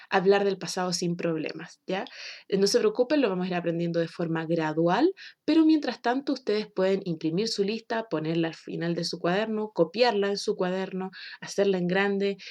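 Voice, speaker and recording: A woman from Chile, explaining a recorded English lesson for children slowly and patiently. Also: mid-range voice, a little mellow. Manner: slow, clear, patient explaining with drawn-out example words. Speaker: English teacher.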